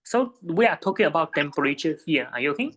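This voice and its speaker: A man's voice: a little high, big pitch swings, fast talker, a bit bright. A man tutoring a student one-on-one in physics, patiently checking her understanding with frequent tag questions.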